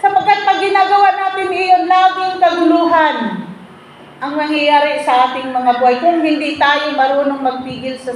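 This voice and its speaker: A woman preaching a sermon to a congregation and often asking them to answer back. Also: high voice. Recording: very echoey room, faint background noise.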